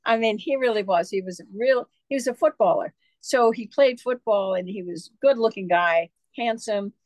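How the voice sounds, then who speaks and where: In this casual interview, a female author guest tells meandering stories full of filler words, drifting chattily from one tangent to the next. She speaks at a moderate pace in a mid-range, slightly mellow voice, with no echo.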